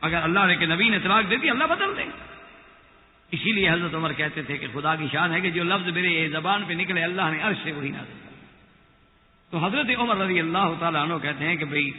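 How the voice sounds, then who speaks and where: A man preaching a sermon who retells stories with acted dialogue and chants scripture slowly. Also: fairly high pitch, lively intonation. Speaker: Islamic preacher. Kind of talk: Urdu sermon with storytelling. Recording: tinny lo-fi with long reverb.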